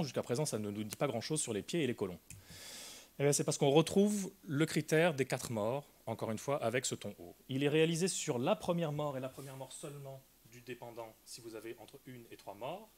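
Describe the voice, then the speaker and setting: A man presents an academic talk in a careful, explanatory way. His voice sits at an ordinary middle pitch. He pauses often, filling gaps with hesitations and restarting phrases. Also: darkish tone. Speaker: linguistics lecturer.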